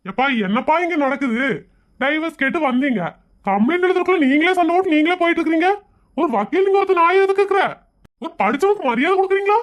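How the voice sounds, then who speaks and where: Comedy skit: man as touchy, self-important bungling lawyer, high voice, quick indignant delivery. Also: fairly bright tone. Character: pompous, touchy bungling lawyer, easily offended.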